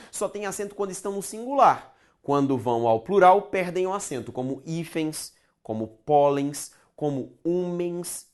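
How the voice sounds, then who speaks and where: Lively, emphatic Brazilian male teacher. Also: medium pitch. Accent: Brazilian Portuguese. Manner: emphatic, repeats key points, asks rhetorical questions. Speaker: grammar teacher. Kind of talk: recorded grammar lesson.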